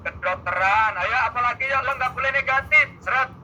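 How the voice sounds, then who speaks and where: A man's voice: extremely high pitch, flat delivery, fast, noisy background. A man teaching an exam-prep math lesson, playful and teasing, talking back and forth with his students. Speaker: math tutor.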